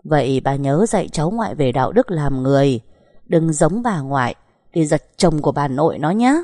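A woman's voice: low-pitched, expressive, normal speed, mellow, no room sound, clean studio sound. A woman voicing an arrogant wealthy older woman who mocks in a sneering, cutting tone.

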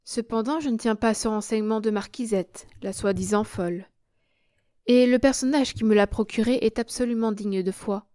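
A woman's voice: fairly high pitch, normal speed, mellow, no room sound, clean studio sound, lightly acted. A woman voicing a bold young Parisian heroine who speaks in a mocking, defiant tone.

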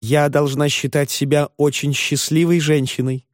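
A man voicing an effusive, tearful middle-aged landlady with a trembling voice, raised higher than his own, in a dry recording. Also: level tone, normal speed, no echo, natural voice. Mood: gushing.

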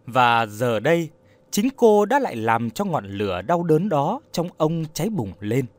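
A man narrating an audio story in a steady, expressive storytelling manner. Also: fairly high pitch, a little slow, dry recording.

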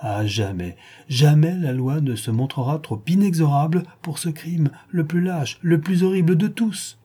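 Brief: indignant bourgeois wife, read by a man, declamatory, dark-toned. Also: on the high side, normal speed, slightly rough, voice pushed up. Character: indignant virtuous bourgeois wife, middle-aged.

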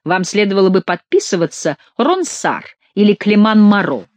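Gruff, grumbling male soldier; scolding and irritable in every line, done by an audiobook reader; dry, close sound. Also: medium pitch, big pitch swings, normal speed, no room sound, voice pushed up, natural voice. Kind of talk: audiobook character reading.

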